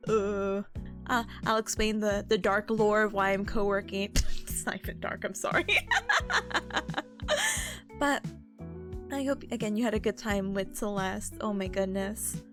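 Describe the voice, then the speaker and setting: A woman in her twenties chatting casually on a livestream in a cutesy, playful, giggly and excitable manner. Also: medium pitch, unhurried, long pauses, over music. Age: 20s. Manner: cutesy, playful speak with baby-talk words and mild substitute swears. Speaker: VTuber streamer hosting a co-working stream.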